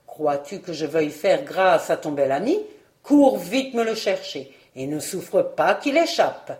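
A woman's voice: lowish voice, expressive, unhurried, darkish tone, reverberant. A woman voicing a stern, commanding old fairy aunt who scolds and barks orders.

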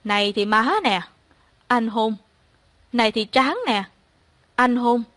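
A tender young man, read by a female storyteller, soft and coaxing as he pleads and comforts. Her fairly high voice barely changes for him. The sound is dry and close. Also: fairly even intonation, slow, no room sound. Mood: tender, pleading.

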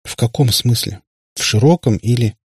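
A lanky, bookish schoolboy answers politely and pedantically, a little flustered, as a man reading the book puts him on. The voice sits just above the narrator's low register and stays husky. It is recorded close and dry. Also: normal speed, dry recording. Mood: earnest. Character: lanky, earnest, nerdy schoolboy. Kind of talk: audiobook reading.

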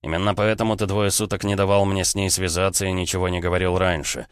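A man's voice: low-pitched, flat delivery, fast, clear, resonant tone, no echo, studio quality, close to an everyday voice. A man voicing a cold, tense young guild head in an audiobook, speaking in a clipped, icy way. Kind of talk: audiobook character reading.

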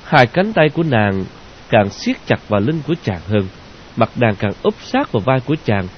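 A man narrating a novel in a slow, measured way. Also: medium pitch, sing-song. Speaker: audiobook narrator. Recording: dull lo-fi audio with hiss.

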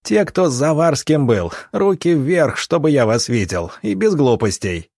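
A man voicing a wounded, gruff officer in an audiobook, speaking hoarsely. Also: on the high side, big pitch swings, measured pace, a little mellow, dry recording, studio quality, voice pushed up, exaggerated voice. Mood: commanding. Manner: hoarse, rasping.

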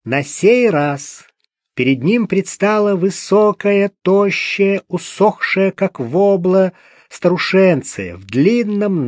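A man's voice: high-pitched, darkish tone, no echo. A man narrating an audiobook detective story with dry, wry irony. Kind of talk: scripted narration.

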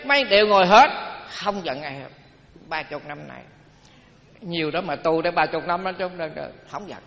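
A man's voice: a little high, lively intonation, moderate pace, gravelly, fairly bright tone. A man, a Buddhist monk giving a folksy sermon full of humorous anecdotes and repeated phrases. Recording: dull lo-fi recording in a reverberant hall. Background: audience laughter.

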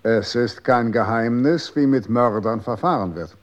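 An actor playing a cold, condescending official in a 1960s radio drama, calm and authoritative. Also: male voice, mid-range voice, a little slow, dull audio, lightly acted.

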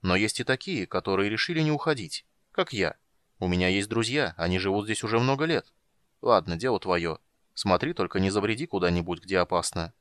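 A man's voice: fairly low pitch, expressive, a little fast, fairly bright tone, no room sound, clean studio sound. A man reading an audiobook, voicing an irritable, dismissive reclusive mage in a drawling, grumbling manner. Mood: mildly irritated. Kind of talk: audiobook character voice.

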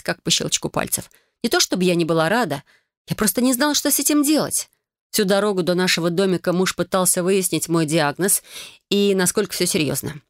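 Brief: woman audiobook narrator, lowish voice, dry close recording. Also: no echo. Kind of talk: first-person audiobook narration.

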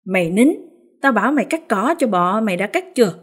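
Woman putting on a sharp-tongued scolding village mother. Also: a little high, animated, moderate pace, pitched above the performer's own voice, lightly acted. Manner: scolding, commanding.

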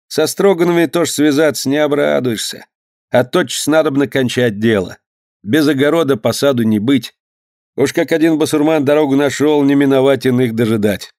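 A man's voice: mid-range voice, moderate pace, darkish tone, no echo, clean studio sound, pitched above the performer's own voice, lightly acted. A man reading aloud, voicing a worried, cautious townsman who tries to keep the peace, earnest and pleading. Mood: reproachful.

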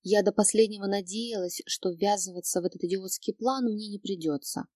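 A woman reads first-person audiobook narration at an even, measured pace. Her voice sits in a middle range. The sound is close and dry. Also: medium pitch, breathy edge, dry recording.

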